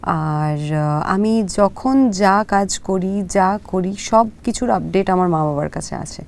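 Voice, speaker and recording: A woman's voice: medium pitch, a little mellow. Kolkata-accented young woman, hesitant interview answers. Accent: Kolkata Bengali. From Kolkata, India. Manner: hesitant, with frequent drawn-out fillers and English words mixed in. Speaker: actress guest.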